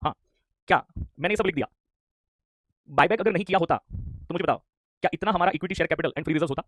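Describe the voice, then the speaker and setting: A male teacher with a hoarse throat drills his students in an online lecture. He talks very fast in a high voice, repeats himself and keeps asking them questions. The sound is dry and close. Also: fairly bright tone, dry recording. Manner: scolding, repeats lines, quizzes students. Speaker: commerce teacher.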